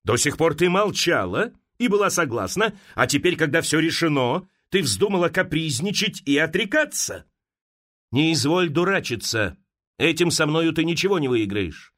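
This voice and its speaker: A man reading an audiobook, voicing a stern, domineering old general who scolds and threatens his daughter in a slow, gruff way. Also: on the high side, very animated, fairly bright tone.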